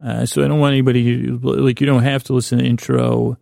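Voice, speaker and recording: A man hosting a sleep podcast talks through a rambling bedtime intro, his low, creaky voice mellow and nearly flat in pitch. He keeps leaving thoughts half-done, hesitating, doubling back and gently mocking himself. The audio is close and dry, with no echo.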